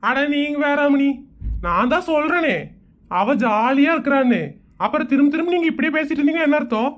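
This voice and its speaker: A woman's voice: sits high, a little fast, lo-fi sound, lightly acted. A woman voicing a smug, dismissive middle-aged village husband with a Kongu Tamil accent in a comic cartoon. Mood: scoffing. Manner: scoffing, dismissive.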